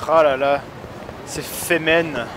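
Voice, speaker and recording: Foul-mouthed French-speaking gamer, slightly high voice. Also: male voice, steady tone, slow pace, background noise. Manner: crude, foul-mouthed ranting. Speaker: let's play gamer. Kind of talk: casual gameplay commentary. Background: game music.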